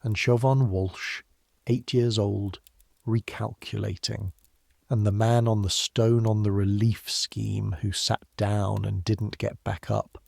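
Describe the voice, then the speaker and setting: Low gravelly guy reading a sleepy history story, slow and calm, dry close sound. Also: no echo. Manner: measured, unhurried, softly grave. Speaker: narrator. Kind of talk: calm second-person history narration for sleep.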